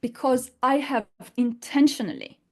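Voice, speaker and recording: Speaking at normal speed with fairly even intonation, a woman with a high, slightly mellow voice leads an unscripted online lesson. She teaches in English, her fourth language and not her first, making emphatic explanations and asking rhetorical questions.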